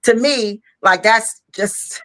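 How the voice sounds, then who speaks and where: A woman's voice: fairly high pitch, slow pace, a bit bright. A woman co-hosting a podcast in casual chat, frank and talkative, tired and yawning after a long day. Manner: frank, talkative, peppered with "you know". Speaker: podcast co-host.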